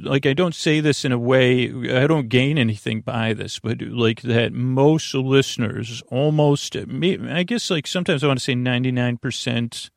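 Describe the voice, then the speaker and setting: A middle-aged man from the United States hosts a bedtime podcast, meandering through a monologue where he halts, repeats words and drifts off mid-thought. His voice is creaky and gravelly at an ordinary male pitch, and the sound is dry with no room echo.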